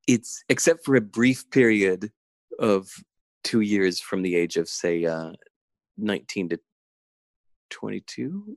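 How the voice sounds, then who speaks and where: A man's voice: on the low side, dry recording. A man talking as a podcast guest in casual conversation, intense and enthusiastic, laughing often, over a remote call.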